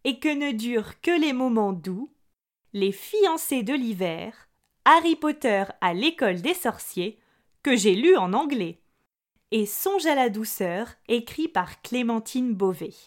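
Woman podcast host, fairly high voice, clear teaching delivery, friendly and direct with listeners. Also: animated, measured pace. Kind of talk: clear, slow-paced podcast lesson for learners.

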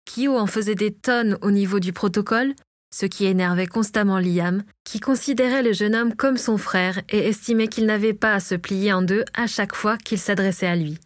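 A woman's voice: medium pitch, moderate pace, dry recording. Woman reading a storybook aloud, dry sound. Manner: reads all characters herself, lightly varying her voice. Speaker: audiobook narrator. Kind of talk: scripted storybook narration.

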